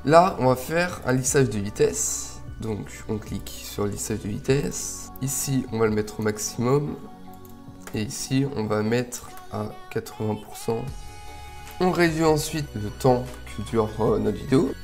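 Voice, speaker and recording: Chatty man explaining editing software. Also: mid-range voice, unhurried, faint music behind. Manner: relaxed, chatty, slightly rambling. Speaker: video tutorial host. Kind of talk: casual software tutorial.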